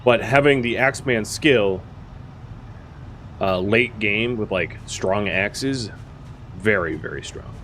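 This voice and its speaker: Wry low-voiced man narrating gameplay. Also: slow, pauses often, fairly bright tone, a little hiss or hum. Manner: chatty, wry, thinks aloud with fillers. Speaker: gaming streamer. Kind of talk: casual gameplay commentary.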